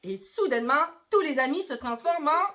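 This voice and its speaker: Animated Québécois mother telling a story. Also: a little high, moderate pace, slight background noise. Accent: Québécois French. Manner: animated, coaxing listeners. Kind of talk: improvised storytelling.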